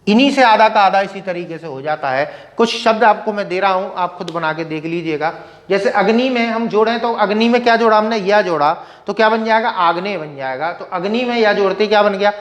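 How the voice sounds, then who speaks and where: A man's voice: sits high, long reverb tail. A man teaching a grammar lesson, asking his class questions and answering them himself, with "okay" after nearly every line. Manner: asks questions and answers them himself, repeats "ठीक है" constantly. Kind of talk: classroom lecture.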